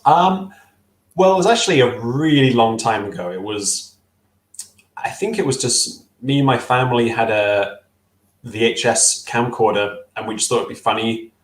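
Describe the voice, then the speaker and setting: This young stop-motion filmmaker sounds animated, his medium-pitched voice moving at a normal pace through an echoey little room. He's on a headset video call, giving casual, hesitant interview answers full of fillers and false starts.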